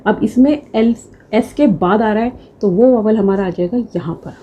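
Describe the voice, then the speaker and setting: A woman's voice: medium pitch, moderate pace, lo-fi sound, slight background noise. A young woman teaching a shorthand class, patiently explaining step by step and mixing in English terms. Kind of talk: classroom lecture.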